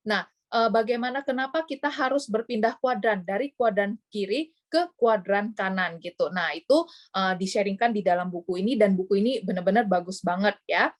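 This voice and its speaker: A woman's voice: medium pitch, a little fast. A woman giving casual training tips on presenting, chatty and full of fillers, acting out short examples. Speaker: sales trainer.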